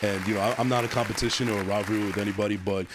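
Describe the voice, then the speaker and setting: A man's voice: lowish voice, steady tone, racing, crowd noise, noisy background. A man in his thirties hosting a podcast, chatting casually with an upbeat, hype manner and frequent restarts. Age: 30s. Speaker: podcast host. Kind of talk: casual chat.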